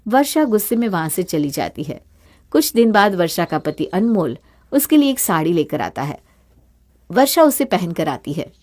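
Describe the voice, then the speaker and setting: A woman reading scripted narration for an animated story in a steady, plain manner. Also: lowish voice, normal speed.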